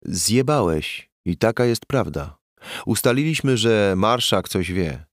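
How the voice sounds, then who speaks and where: A man voicing a gruff, worn-out police commissioner in his late forties who barks and curses in angry outbursts. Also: on the low side, expressive, unhurried, no room sound, clean studio sound. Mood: stern. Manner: barking, cursing outbursts.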